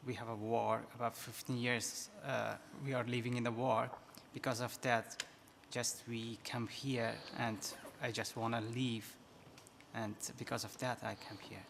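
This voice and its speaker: A man's voice: medium pitch, little pitch movement, measured pace, vocal fry, a bit bright. A man from Afghanistan answering from a studio audience in hesitant, broken English full of uhs. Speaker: audience member. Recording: reverberant studio hall with faint room noise.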